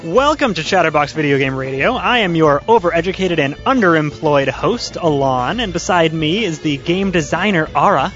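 A man's voice: a little high, expressive, normal speed, hardly any pauses, a bit bright, highs cut off, soft background music. A man hosting a casual radio talk show, chatty and self-mocking as he tells a story in a studio. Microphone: studio microphone.

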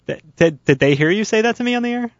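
A man's voice: high voice, expressive, fast talker, dry recording, highs cut off. A man hosting a casual radio talk show, chatty and self-mocking as he tells a story in a studio. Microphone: studio microphone.

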